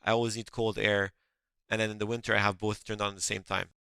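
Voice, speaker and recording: In a clean studio recording with no echo, the middle-aged founder from France speaks fast in a low-side, level voice that is gravelly, bright and forceful. French is his first language, and his English interview answers are earnest, with many restarts.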